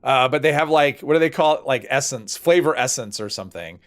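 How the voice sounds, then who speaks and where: A man's voice: medium pitch, expressive, brisk. A man hosting a livestream, casually thinking aloud as he plays and rambling off into conversational asides. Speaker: livestream host.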